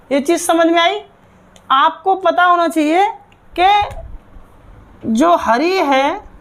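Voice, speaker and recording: High-pitched woman grammar teacher, repetitive call-and-answer drilling for an online class. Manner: drills terms with repeated quiz questions.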